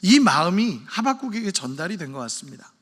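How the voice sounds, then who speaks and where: High-voiced male pastor in a reverberant hall. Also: very animated, a bit bright. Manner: preaching, slows for read-aloud scripture, rises to impassioned pleas. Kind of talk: sermon. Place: church sanctuary. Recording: long church hall reverb.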